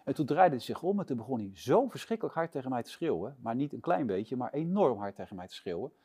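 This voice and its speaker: A man being interviewed, telling a long anecdote in a lively way and acting out the shouts and lines of the people in it. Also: mid-range voice, quick pace, slightly rough. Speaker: interview guest, sports presenter.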